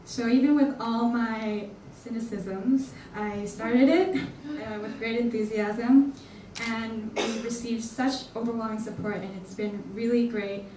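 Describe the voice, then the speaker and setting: A young woman from Hong Kong gives an earnest welcome speech as a student organizer. Her voice is mellow and sounds distant, echoing through a large hall. A faint hum of room noise sits underneath. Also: a little high, fairly even intonation, measured pace, few pauses. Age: young adult. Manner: earnest, slightly nervous. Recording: echoey hall from far off.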